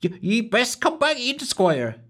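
Frightened and fretting, the young barmaid talks in a rustic burr, her voice dipping and rising. It's a man doing her in a high falsetto, very animated and exaggerated. She keeps her pace slow and her speech careful.

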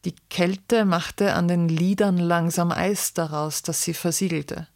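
A woman reading a verse narration aloud in a measured, expressive way. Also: lowish voice, no room sound, clean studio sound. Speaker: reader.

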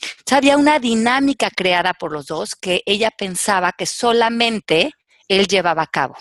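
A woman speaks as a life coach, slow and calm, laying out her advice in an instructive way. Her voice sits at a middle pitch and is recorded dry and close, with no room echo. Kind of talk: coaching talk on a panel show.

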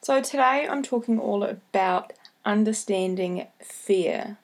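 A woman with a broad New Zealand accent hosting a solo podcast, giving motivational advice in a careful, deliberate way. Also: medium pitch. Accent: broad New Zealand (Kiwi). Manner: deliberately slowed, careful delivery with repeated key points. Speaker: podcast host.

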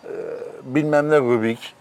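Animated storytelling middle-aged man. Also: mid-range voice, unhurried. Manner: storytelling, animated, laughs often. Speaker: host. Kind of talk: casual chat.

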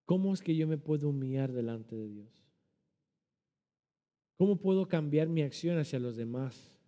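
A man preaches a sermon with a fairly high but mellow voice, pressing hard on some phrases and sinking soft on others. His voice rings with the long reverb of a church hall. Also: expressive, normal speed. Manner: emphatic preaching, rising and dropping in loudness. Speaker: pastor.

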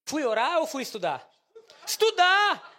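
A young man preaching, telling a funny personal story with lively acted dialogue. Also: very high voice, brisk, slight background noise. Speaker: pastor. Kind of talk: sermon with storytelling.

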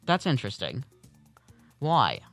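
A man's voice: huge pitch swings, a little slow, creaky, fairly bright tone, faint music behind. Man hosting a morning radio show. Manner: questioning, pushes back on answers, rises in pitch when worried. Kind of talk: casual morning radio interview. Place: radio studio.

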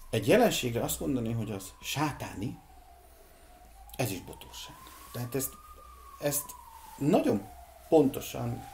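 A middle-aged man raised in Hungary, a singer, talking in a casual discussion in a reflective, measured way, pausing to think aloud. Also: medium pitch, darkish tone, a little hiss or hum. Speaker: podcast guest, singer.

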